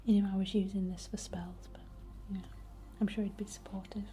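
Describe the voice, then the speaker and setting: In a gentle, breathy whisper, a woman hosts an ASMR session, chatting unhurriedly as she guides a healing ritual. Her voice is mid-range with a level tone, and music plays in the background.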